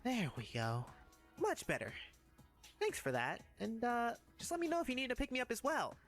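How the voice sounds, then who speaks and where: Wind-up clockwork toy, voiced by a man, cheerful, giggly, swooping pitch, soft music behind. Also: huge pitch swings, normal speed, full character voice. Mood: playful. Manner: bouncy, giggly, punning.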